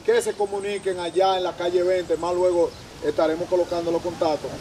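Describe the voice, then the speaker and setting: A man's voice: high-pitched, level tone, a little fast, dark tone, slight background noise. A man interviewing a guest outdoors, eager and promotional. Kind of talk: casual interview.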